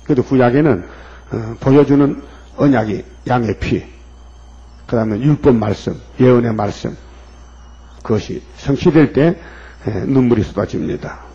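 A man's voice: medium pitch, moderate pace, long pauses, mellow, slightly rough. A man preaching a sermon in an emphatic way, firing pointed questions at his listeners. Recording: dull lo-fi recording.

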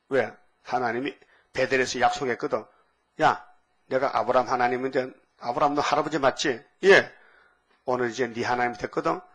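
A man's voice: mid-range voice, fairly bright tone. An older man preaching a sermon in a folksy, storytelling way, acting out the dialogue between his characters and chuckling often.

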